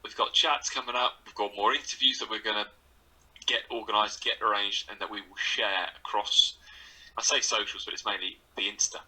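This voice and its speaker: Bright-voiced man bantering. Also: fairly low pitch, steady tone, a little fast, husky, poor audio. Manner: chatty, laughing, banter-heavy. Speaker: podcast co-host. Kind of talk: casual chat.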